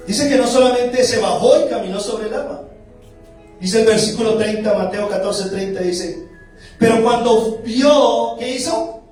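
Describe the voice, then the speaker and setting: A male pastor with a Colombian accent preaching a lively sermon, rising to loud exclamations and slowing down for emphasis. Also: sits high, far from the mic. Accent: Colombian Spanish. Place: church hall. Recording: echoey church hall, mic from afar, music underneath.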